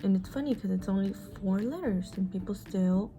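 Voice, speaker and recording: This get-ready-with-me chat features a Mexican-born, US-raised beauty vlogger in her twenties with a dark-toned, medium-pitched voice at a moderate pace. She talks candidly while applying makeup, swearing freely and sighing frequently over soft background music.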